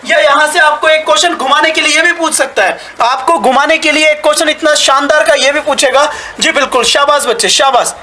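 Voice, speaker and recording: A man with a high, bright, forceful voice teaches a live online class, drilling each point over and over and cheering his students on. He sounds some way from the mic in a roomy, echoing space, with faint noise behind him. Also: steady tone, fairly quick. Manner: repetitive, drilling questions and answering them himself; encouraging, praising students often. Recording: echoey room, mic at a distance.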